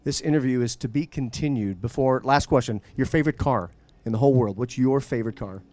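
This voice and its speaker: A male radio host conducts an interview. He asks his questions eagerly and with emphasis. His voice sits at a middle pitch. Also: fast, warm tone, no room sound. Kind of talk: enthusiastic interview. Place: at a live event.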